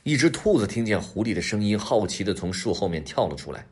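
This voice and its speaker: Animated storyteller for children, husky man, very lively tone. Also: lowish voice, fast. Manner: lively, expressive, talks to kids directly.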